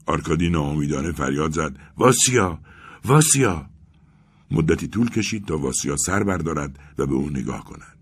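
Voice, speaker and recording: A man narrating a literary story in a measured, grave, dramatic reading style. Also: very deep voice, breathy edge. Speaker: audiobook narrator.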